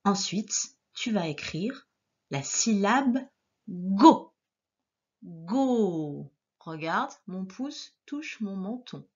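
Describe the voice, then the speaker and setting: A woman teacher giving a dictation lesson to young children, sounding out each syllable slowly and clearly. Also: mid-range voice, lively intonation, dull audio. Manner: slow, clearly articulated syllables with gestures.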